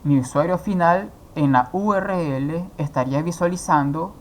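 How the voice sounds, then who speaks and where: A man's voice: a little high, normal speed, slight background noise. A man teaching a coding course, explaining each step and asking himself questions before answering them. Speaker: programming instructor. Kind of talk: screen-recorded coding tutorial.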